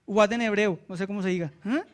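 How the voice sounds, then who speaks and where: A man with a Colombian accent preaching a sermon as pastor. He slows down for scripture and keeps asking the congregation quick checks. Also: high-pitched. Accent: Colombian Spanish. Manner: asks the congregation short checks like "¿cierto?" and "¿sí?".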